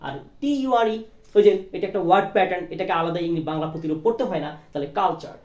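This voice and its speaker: A man's voice: high-pitched, very fast, darkish tone. Roomy, distant male English teacher spelling words. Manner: explains step by step, spells words out letter by letter, often checks "right?"; mixes Bengali with English phrases, coughs now and then. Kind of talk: spoken language lesson. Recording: roomy, from off the mic.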